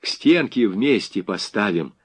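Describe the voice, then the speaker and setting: A domineering Cossack sergeant, as a man acts him out in an audiobook, deep-voiced and threatening. His commands swing widely in pitch. The sound is dry and close. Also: animated, unhurried, breathy edge, no room sound. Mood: commanding.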